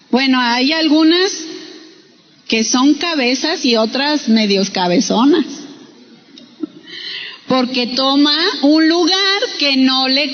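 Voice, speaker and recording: Woman preacher, high voice, deliberate emphatic delivery, checks in with the congregation, echoey church hall. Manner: slow, emphatic, asks the congregation questions. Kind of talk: sermon. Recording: dull sound with long hall reverb.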